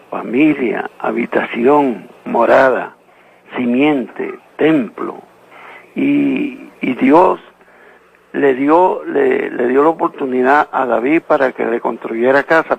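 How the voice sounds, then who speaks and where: A Venezuelan man phones in to a live radio show with a Bible question, earnestly citing scripture verse by verse. His voice is medium in pitch, creaky and husky. The audio is muffled.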